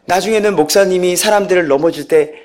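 A man's voice: high voice, fast, a little mellow. A man giving a personal church testimony, storytelling with animation, acting out quotes and chuckling as he goes.

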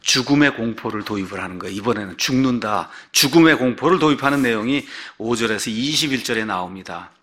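A man's voice: mid-range voice, expressive, quick pace, hardly any pauses, fairly bright tone. A man preaching an expository sermon as pastor, asking the congregation rhetorical questions as he explains the text.

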